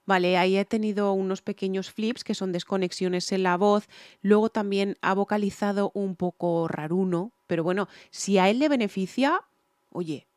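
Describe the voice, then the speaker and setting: A singer reviewing songs, this emphatic woman offers casual reactions and vocal analysis in a mid-range, darkish voice at normal speed. She is repetitive, repeating phrases for stress. The studio-quality recording has no echo, with faint music from the song she's reacting to in the background.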